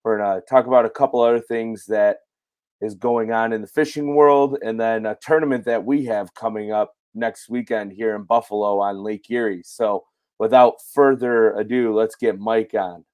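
A hoarse, raspy man whose voice goes in and out, hosting a casual live fishing show. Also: on the low side, steady tone, moderate pace, darkish tone, no room sound. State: hoarse, voice cutting in and out from losing it. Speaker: podcast host.

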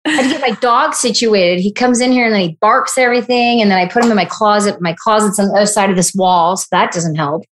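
A woman's voice: medium pitch, quick pace, slight background noise. A woman speaking in casual conversation as a guest on a podcast.

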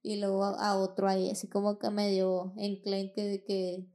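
A woman's voice: medium pitch, monotone, moderate pace, mellow. A young woman with a Mexican accent, telling a personal story in casual, slangy, profane chat and acting out the dialogue. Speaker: podcast host.

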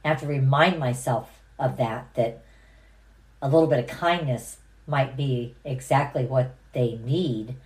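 A woman with an unusually deep, low-pitched voice co-hosts a faith podcast. She talks calmly and reflectively, often affirming her partner. Her tone is that of casual conversation. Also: unhurried, low-quality recording. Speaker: podcast co-host.

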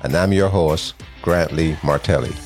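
Very deep-voiced male podcast host. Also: normal speed, over music. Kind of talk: scripted podcast narration. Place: home kitchen.

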